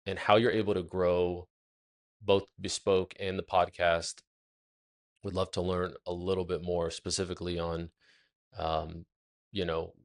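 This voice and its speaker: A man hosting a podcast interview, enthusiastic and rambling, often repeating his words as he sets up questions. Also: sits low. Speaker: podcast host. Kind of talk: casual interview chat.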